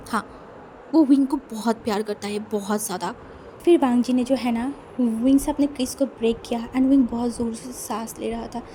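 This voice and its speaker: A woman's voice: on the high side, a little mellow, a little hiss or hum. A woman casually narrating a fan fiction story, chatty with lots of repeated fillers.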